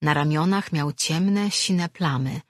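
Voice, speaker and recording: A woman narrating an audiobook in an even, measured storytelling manner. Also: sits low, dry recording, clean studio sound. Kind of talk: scripted narration.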